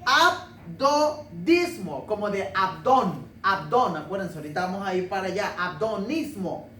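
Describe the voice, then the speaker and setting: A man's voice: sits high, expressive, measured pace, sharp tone. A male pastor preaching a conversational sermon with jokes and rhetorical questions to his congregation. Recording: roomy, distant mic, faint noise.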